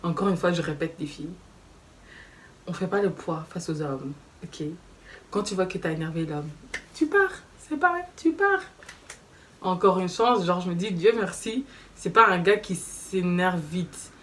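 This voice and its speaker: A young woman telling a story in a casual vlog, animated and slangy, acting out quoted dialogue. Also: fairly low pitch, normal speed. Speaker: vlogger. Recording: slightly distant mic with faint background noise.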